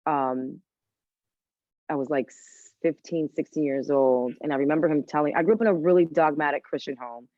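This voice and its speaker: Woman, guest chef, chatty storyteller, slightly low voice, muffled lo-fi recording. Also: normal speed, no echo. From Washington, D.C., United States. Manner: chatty storyteller, drops in Spanish phrases. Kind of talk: casual interview conversation.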